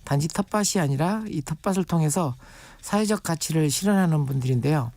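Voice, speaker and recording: A man's voice: a little high, brisk, darkish tone, no room sound. A man on a radio show, a guest expert on urban farming, explaining patiently with everyday comparisons. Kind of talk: radio interview.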